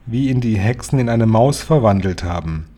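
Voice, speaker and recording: A man voicing a calm, firm old grandmother in a storybook reading, speaking with composed patience in a husky voice. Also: lowish voice, normal speed.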